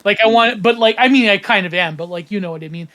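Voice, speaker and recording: A man's voice: sits high, fast, fairly bright tone. A man from Canada, hosting a casual podcast chat, rambling with many fillers and restarts. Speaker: podcast host.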